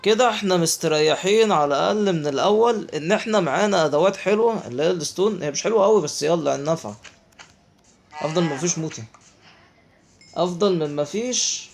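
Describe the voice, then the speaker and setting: A man's voice: a little high, racing, slight background noise. A man with an Egyptian Arabic accent giving chatty let's play commentary, talking to himself and his viewers as he plays. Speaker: gaming YouTuber.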